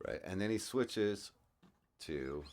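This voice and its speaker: Very deep-voiced man explaining guitar music. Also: lively intonation, slow. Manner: explanatory, thoughtful, with frequent uh fillers. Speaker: guitarist reacting to a song. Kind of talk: casual music breakdown commentary. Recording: music playing in the background.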